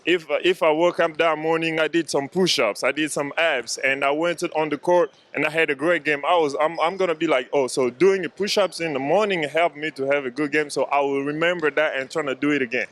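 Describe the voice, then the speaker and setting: Young male player, halting, hesitant answers. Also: a little high, steady tone, fairly bright tone. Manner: hesitant, halting, many fillers. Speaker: basketball player. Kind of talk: casual interview answers.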